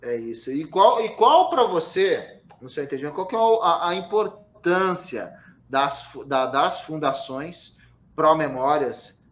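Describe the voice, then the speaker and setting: A man's voice: a little high, expressive, a little slow, fairly bright tone. Enthusiastic male host on roomy, dull audio. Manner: enthusiastic, reads viewer comments. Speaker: interview host. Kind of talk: live-stream interview hosting.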